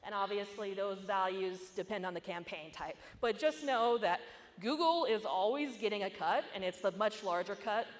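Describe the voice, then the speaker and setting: A woman's voice: mid-range voice, lively intonation, normal speed. A woman giving a security conference talk in a casual, conversational way, with asides and jokes. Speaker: conference speaker. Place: conference hall. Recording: echoey conference hall.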